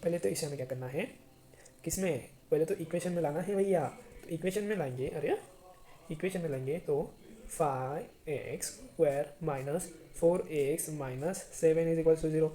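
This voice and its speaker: A man's voice: fairly high pitch, unhurried, mellow. A man teaching a math lesson to students, chatty and often checking if they understand.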